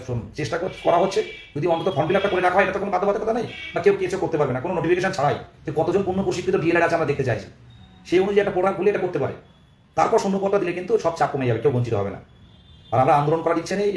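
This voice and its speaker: A young man with a West Bengali accent and a hoarse, worn-out voice, making an earnest, urging live-stream appeal to followers. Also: fairly high pitch, darkish tone. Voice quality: hoarse, strained voice. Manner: urging, repetitive, earnest pleading. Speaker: activist leader among job-seeking teacher candidates. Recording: echoey, faint background noise.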